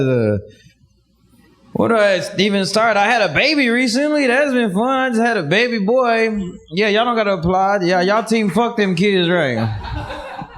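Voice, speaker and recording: A young man doing a laid-back, slangy stand-up set, saying "man" and "y'all" a lot. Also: high voice. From El Salvador heritage. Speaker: stand-up comedian.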